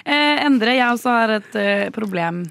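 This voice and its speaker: A woman's voice: a little high, expressive, gravelly, a bit bright, slight background noise. A woman on the radio, hesitantly laying out everyday problems with many fillers and giggles. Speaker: radio co-host asking for advice. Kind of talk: casual radio banter.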